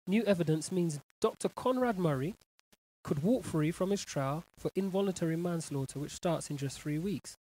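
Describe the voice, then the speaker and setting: Animated man ranting about news. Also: on the high side, husky, poor audio. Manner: animated, incredulous, stumbling over words. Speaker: talk show host.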